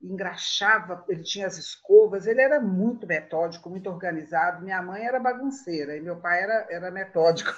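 A woman's voice: fairly low pitch, fairly quick. Woman in her 60s telling old family stories, laughs a lot, kinda muffled lo-fi audio. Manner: warm reminiscing, laughs often. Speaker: interviewee. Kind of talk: storytelling interview. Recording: muffled lo-fi sound.

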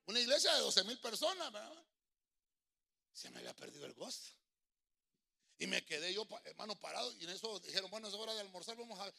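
Male pastor, middle-aged, bright, sharp tone, lively sermon delivery in a church. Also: high-pitched, racing, creaky, hardly any pauses. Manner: sings choruses, addresses listeners as brother.

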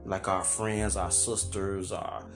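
A middle-aged man, hosting a podcast and telling a story in a loose, profane, animated way, acting out quotes and laughing. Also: low-pitched, takes it slowly, over music. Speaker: podcast host. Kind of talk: casual storytelling monologue.

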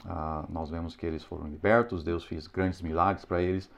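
A man teaching parents in an earnest, moralizing way, pausing often with hesitant fillers. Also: low-pitched, steady tone, vocal fry. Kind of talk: preachy instructional talk. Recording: slightly dull lo-fi sound.

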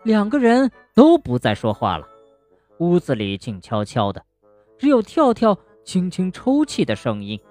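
A woman narrating a children's bedtime story gently and expressively, speaking to a young listener. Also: fairly low pitch, wildly swooping pitch, a little slow, no echo, faint music behind.

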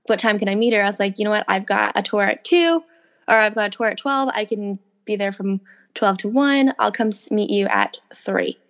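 A woman's voice: medium pitch, moderate pace, a bit bright. A young woman co-hosting a casual chat, telling anecdotes by acting out who said what, with plenty of "like". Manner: anecdotal, acts out quoted exchanges, frequent "like". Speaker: podcast co-host.

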